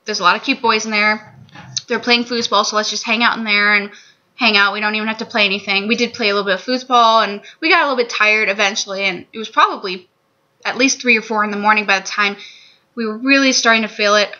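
A woman in her twenties, a vlogger, candidly shares a personal testimony to camera from a small room. Her medium-pitched voice is steady, pushed and bright, and she talks fast. A webcam or laptop mic at desk distance gives dull lo-fi audio.

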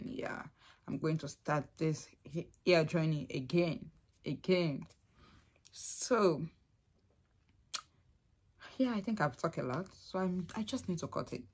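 A young adult woman vlogging casually to camera, emotional and soft-spoken, repeating herself often. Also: lowish voice, husky.

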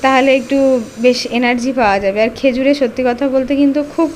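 Pregnant bengali village vlogger, high voice, chatting away while she cooks, bit of background hiss. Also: quick pace. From West Bengal, India. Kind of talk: casual cooking vlog chat. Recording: faint background noise.

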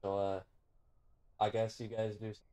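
A man hosting a game stream, chatting casually, loud and rambling while half joking. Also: fairly low pitch, completely flat delivery, normal speed.

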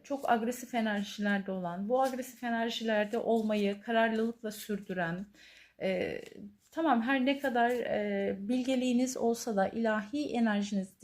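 A woman giving a tarot reading to her viewers, earnest, pausing often with drawn-out fillers. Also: on the high side. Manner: hesitant, many drawn-out fillers, soft and earnest. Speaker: tarot reader.

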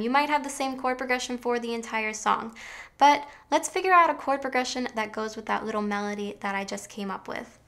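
In this online songwriting lesson, a young woman's voice sits on the high side and sounds a bit bright. Her teaching is upbeat and explanatory, broken up now and then by brief sung demonstration phrases.

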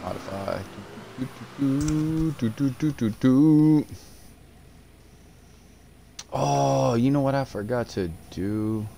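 Laid-back low-voiced man streaming a game. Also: a little hiss or hum. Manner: laid-back slang, thinks aloud, repeats phrases. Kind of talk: casual gameplay commentary.

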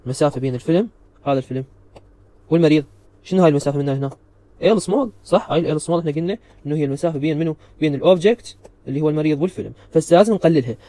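A man's voice: on the high side, mellow, no room sound. A man giving a recorded physics lecture, explaining step by step and checking understanding with repeated questions.

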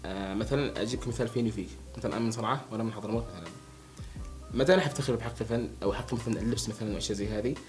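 A young man from Hadhramaut, Yemen, chats casually with a friend, asking him questions. His voice is on the low side and he talks at a racing pace, with soft music in the background.

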